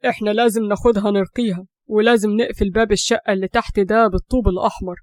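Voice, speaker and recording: A woman's voice: medium pitch, fairly even intonation, very fast, darkish tone, no echo, clean studio sound, natural voice. A woman voicing a stern Egyptian brother taking charge. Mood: firm.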